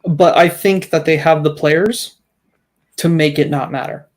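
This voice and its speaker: A man's voice: fairly high pitch, steady tone, a little slow. Emphatic man arguing on a sports podcast. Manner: emphatic, argues his point with restarts. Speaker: podcast co-host. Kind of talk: casual sports chat.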